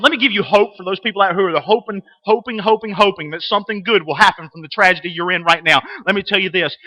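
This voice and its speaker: A middle-aged man preaching to a church class over a webcam, his voice unusually high and sharp-edged. He repeats phrases for effect and swings between hushed asides and fervent, raised declarations. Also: low-quality recording. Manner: impassioned, repeats himself, swings from hushed to loud. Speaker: Sunday school teacher. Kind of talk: sermon.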